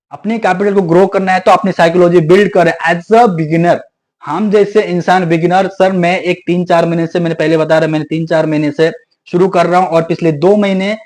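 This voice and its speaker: A video creator speaks straight to the camera in a casual monologue, warning his viewers. His high voice is steady and darkish at a normal speed, and he sounds indignant, repeating himself and switching into English.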